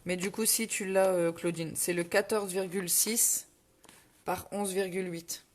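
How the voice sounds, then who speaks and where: A middle-aged woman from northern France, with a Ch'ti accent, hosts a casual live crafting tutorial from home. Her fairly low voice stays steady at a measured pace as she chats, corrects herself, and answers viewer comments.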